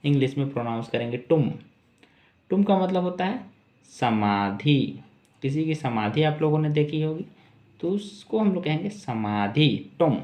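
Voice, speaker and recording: A man teaching English pronunciation in Hindi, saying each word slowly, repeating it and asking questions to his viewers. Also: on the high side, animated, a little mellow, roomy sound. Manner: slow, repeats each word and its meaning, asks rhetorical questions.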